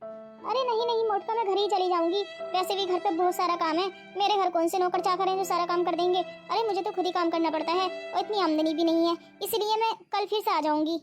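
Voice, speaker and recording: A woman's voice: very high-pitched, steady tone, fairly quick, music in the background. A woman voicing a jealous, scheming young wife in a cartoon, who grumbles and whines. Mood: pleading. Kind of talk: cartoon voice acting.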